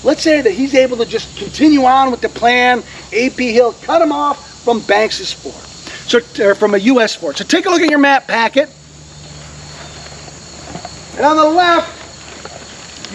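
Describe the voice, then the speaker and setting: A man's voice: very high voice, a little hiss or hum, poor audio. A man giving a history talk outdoors, telling the story dramatically and walking listeners through a map handout. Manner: dramatic storyteller, drops to a hushed voice at solemn moments. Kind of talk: storytelling lecture. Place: outdoors on a hillside.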